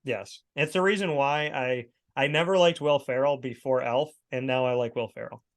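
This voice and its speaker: A man in his thirties with a medium-pitched voice co-hosts a podcast at a normal pace. His casual chat takes on an emphatic, preachy storytelling style.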